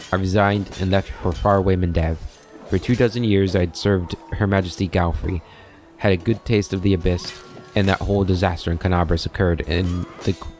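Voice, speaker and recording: A man reading the lines of a disciplined veteran soldier who speaks in a formal, measured way. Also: low voice, steady tone, a little mellow, faint music behind, close to an everyday voice. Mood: earnest.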